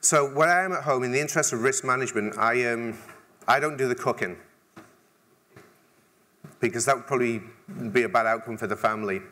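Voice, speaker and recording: Brisk yet given to long pauses, a middle-aged man with an English accent speaks in a sharp, mid-range voice. He's delivering a conversational keynote on a large conference stage, with dry humor and frequent restarts.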